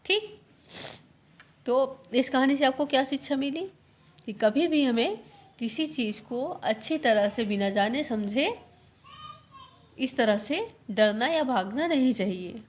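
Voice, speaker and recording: Slow-speaking woman teacher telling a story. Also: sits high, lively intonation. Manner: slow, repeats lines and asks quiz questions. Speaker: primary school teacher. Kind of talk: storytelling lesson for children.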